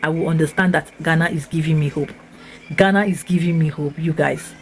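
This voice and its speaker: A woman's voice: deep voice, steady tone, fairly quick, a little hiss or hum. A woman from Nigeria hosts her own reaction video, speaking with eager enthusiasm. She stacks up points and repeats phrases for emphasis in a casual commentary style. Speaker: vlogger host.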